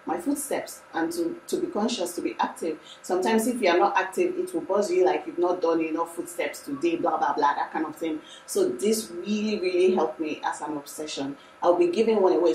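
A woman's voice: lowish voice, reverberant, recorded from a distance, a little hiss or hum, low-quality recording. Chatty Nigerian woman vlogging to camera. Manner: chatty, animated, emphatic. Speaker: lifestyle vlogger. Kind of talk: casual talk to camera. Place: room indoors.

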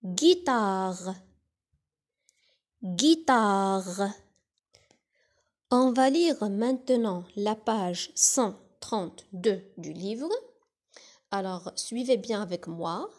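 A woman teaching a phonics lesson to young children, spelling out letters and syllables one by one in a slow, deliberate way. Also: medium pitch, darkish tone. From Morocco. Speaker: primary school teacher.

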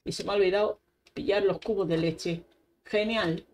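With a mid-range, darkish voice and fairly even intonation, a young woman who makes gaming YouTube videos chats to herself at a moderate pace while playing Minecraft, exclaiming frequently. Faint keyboard typing and clicks sit behind her.

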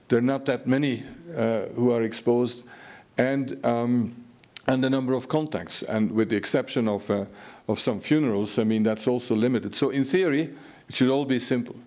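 A man's voice: mid-range voice, a little mellow. A man in his sixties on a conference panel, answering questions hesitantly with many fillers and restarts. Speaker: panelist, virus researcher. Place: large conference hall on stage. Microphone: headset mic.

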